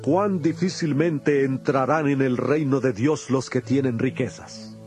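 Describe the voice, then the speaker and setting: A man acting as solemn, mellow-voiced Jesus over music. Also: mid-range voice, lightly acted. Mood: solemn assurance. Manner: solemn, deliberate, measured delivery. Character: Jesus, a grave, patient male teacher and prophet. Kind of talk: dramatized audio Bible dialogue.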